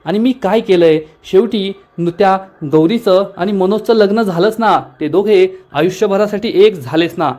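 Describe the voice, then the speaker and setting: Earnest young working woman, read by a man, high voice, pleading tone. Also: normal speed, hardly any pauses, a little mellow, lightly acted. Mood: earnest upset. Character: young woman employee, principled and upset.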